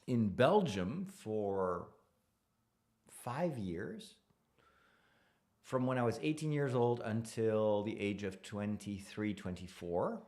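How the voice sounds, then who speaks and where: A man's voice: fairly low pitch, a little mellow. A middle-aged man, a priest hosting a live stream, chatting casually with viewers in a self-deprecating way and laughing easily.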